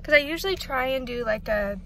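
With a phone camera held or propped close inside a car parked at night, this eighteen-year-old chats in a casual vlog. Her voice sits high and sounds expressive, brisk and a bit bright, with slight background noise, as she mocks herself and swears freely.

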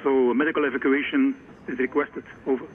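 A man working as a coast guard radio operator, speaking over a marine radio in formal call procedure, reading out coordinates in a measured way and closing each message with "over". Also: medium pitch, little pitch movement. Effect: marine radio transmission. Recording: muffled radio with clear static noise.

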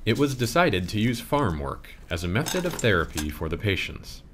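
A man reading a scripted audio tour narration in a measured, expressive way. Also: lowish voice, a little hiss or hum.

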